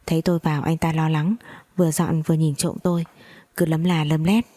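In a low-pitched voice at a fairly quick pace, a woman narrates a dramatic family story in the first person. She keeps a steady reading tone but throws in gossipy asides to her listeners.

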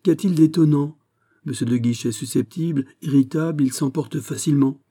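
Haughty young princess, imperious and ironic, read by a man in a dark, mellow tone, pitched up from his own voice. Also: a little fast, lightly acted. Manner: imperious, ironic, exasperated questioning. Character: haughty, impatient young princess, sharp-tongued. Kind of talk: audiobook reading.

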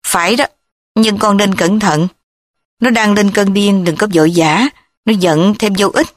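A woman's voice: medium pitch, unhurried, no room sound, natural voice. A woman voicing a worried old grandfather who talks in an anxious, pleading way.

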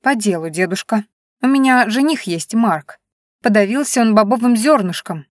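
An impatient young woman on a quest argues loudly and insistently, exasperated at every delay, as a narrator voices herself in an audiobook. The sound is dry and close, with no room around it. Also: on the high side, expressive, normal speed, dry recording, lightly acted. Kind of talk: audiobook reading.

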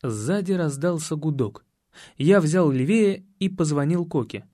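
A man narrating a first-person audiobook in a measured, wry storytelling manner. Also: fairly high pitch, lively intonation, dark tone, no echo, studio quality.

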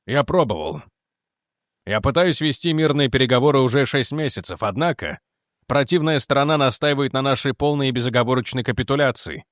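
A tired, steady general speaks in a lowered, measured voice, as a male audiobook narrator puts him on. The reading stays close and dry. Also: no room sound, natural voice. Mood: weary calm. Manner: calm, measured, low delivery. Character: weary, calm middle-aged male general.

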